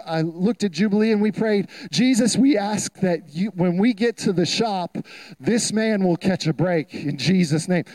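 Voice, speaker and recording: A man's voice: high voice, darkish tone, low-quality recording. A man preaching a sermon, telling a story with emphatic repetition. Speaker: pastor.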